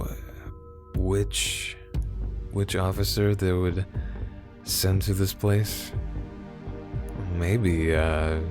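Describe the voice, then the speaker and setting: A male streamer chatting casually while playing a game, rambling and poking fun at himself. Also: low-pitched. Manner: rambling, self-mocking, laughs often. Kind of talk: casual gameplay commentary. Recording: music playing behind.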